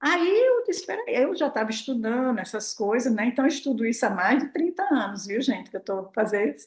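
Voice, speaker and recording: Speaking fairly quickly in a voice on the high side, a prosperity mentor in her 60s chats expressively with her audience, acting out her own remarks and tossing in tag questions. The recording has a roomy echo.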